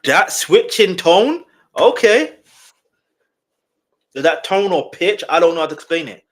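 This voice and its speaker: This man hosts music reactions, chatting casually and directly to whoever's watching. His voice is slightly nasal, a bit bright, sits high and moves in a sing-song way, and he tends to repeat words in rapid bursts.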